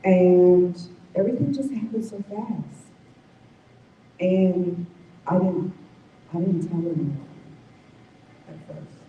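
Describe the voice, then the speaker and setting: At a community forum, a woman gives personal testimony about surviving, telling her story slowly and reflectively and correcting herself as she goes. Her low, mellow voice sounds a little distant in an echoey room with a faint rumble behind it, and the audio has a phone-like quality.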